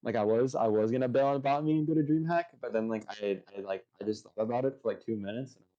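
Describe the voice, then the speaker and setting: A man's voice: medium pitch, fast talker, dark tone, dull audio. A twenty-one-year-old man chatting as a podcast guest, rambling and filling his sentences with "like". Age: 20s. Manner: rambling, heavy use of filler like. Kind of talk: casual podcast chat.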